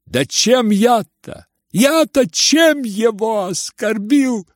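A man's voice: very high voice, animated, takes it slowly, no room sound, studio quality, pitched above the performer's own voice, heavily acted. A man doing a mocking, sickly young man. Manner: mocking, needling tone.

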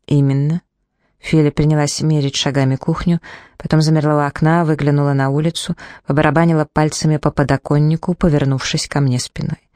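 A woman reading a first-person novel aloud as an audiobook narrator, in measured, even storytelling. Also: low-pitched, no room sound.

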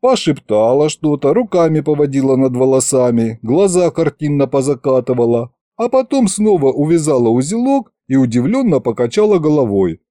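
A man reading an audiobook in the first person, telling the story in a lively, wry way. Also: a little high, normal speed, hardly any pauses, no echo. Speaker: audiobook narrator.

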